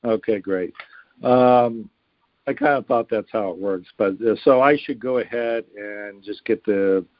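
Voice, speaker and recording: A man calls in to a radio show, his voice coming over a muffled, lo-fi phone line. He sits a little low in pitch and hesitates often, filling gaps with ums and uhs. The sound is dry and close. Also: unhurried, no room sound. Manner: hesitant, many fillers. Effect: caller heard over a phone line. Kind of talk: casual phone-in questions.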